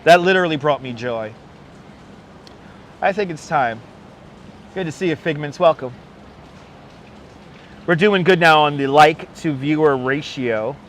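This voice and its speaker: A livestream host from Brooklyn, with a faint New York accent and a slightly high voice, chats casually while out in the city. He rambles a little slowly, pausing often and greeting viewers by name. He wears a wireless clip-on mic outdoors, and soft traffic and street noise hum behind him.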